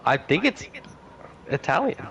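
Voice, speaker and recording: A man's voice: a little high, very animated, measured pace, a bit bright, slight background noise. A man co-commentating a live sim race, bantering easily and taking care to pronounce names right.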